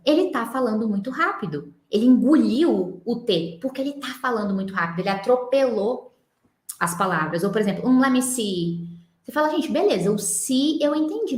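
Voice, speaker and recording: A woman with a Brazilian Portuguese accent teaching a live online English class. She chats with her students and slows down to demonstrate phrases. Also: medium pitch, reverberant. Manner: chatty, coaxing, often slows down to demonstrate phrases.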